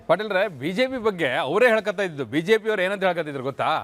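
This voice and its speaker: A man with a notably high voice talks through political news in a conversational way. He tells it like a story and keeps throwing rhetorical questions at his co-host. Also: lively intonation, fast talker, fairly bright tone.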